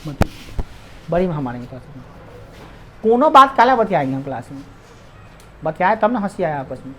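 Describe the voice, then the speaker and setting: A man's voice: fairly high pitch, big pitch swings, normal speed, slight background noise. Chatty Bihari-accented male maths teacher. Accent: Bihari Hindi. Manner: chatty, teasing, joking with the class. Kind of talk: classroom lesson.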